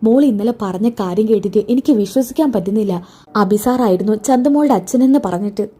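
Woman voicing older maid, fussing, motherly, mellow, quick. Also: mid-range voice, slightly rough, natural voice. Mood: worried. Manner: fussing, affectionate, calls her "child".

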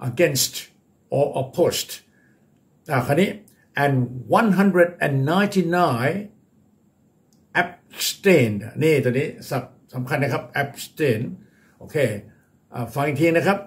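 Slow, deliberate Thai teacher, man. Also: on the high side, animated. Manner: slow, deliberate, repeats words for learners. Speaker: English teacher. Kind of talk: bilingual vocabulary lesson.

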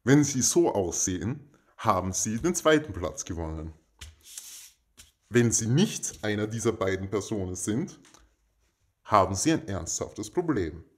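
Guy doing a mock formal giveaway announcement, kinda low voice, really slow, pompous n deadpan. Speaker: host of a giveaway. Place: indoors in a home.

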